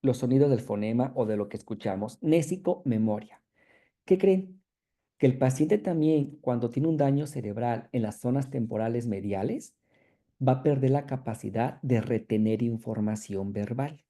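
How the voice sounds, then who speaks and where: A lecturer talks students through a university lesson, breaking ideas into short phrases. The voice sounds deeply mellow and dark, sitting at an ordinary pitch. Almost every point ends with a quick question to check the class is following.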